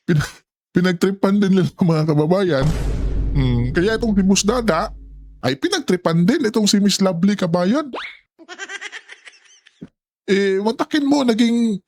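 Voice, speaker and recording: A man's voice: high-pitched, lively intonation, unhurried, long pauses, a little mellow, slight background noise. A man hosting a casual reaction commentary, often addressing his viewers and laughing in asides. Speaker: commentary channel host.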